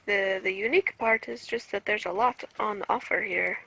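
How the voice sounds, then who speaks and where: A woman's voice: mid-range voice, fairly even intonation, normal speed, gravelly, fairly bright tone, slightly rough, poor audio. A woman playing a tabletop game who speaks in a hesitant, polite way with many fillers. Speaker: player.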